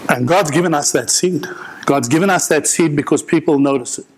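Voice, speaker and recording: A man's voice: on the high side, a little fast, slightly rough. A middle-aged man preaching a sermon in a large church hall, earnest, repeating key phrases and restarting his sentences. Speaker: pastor.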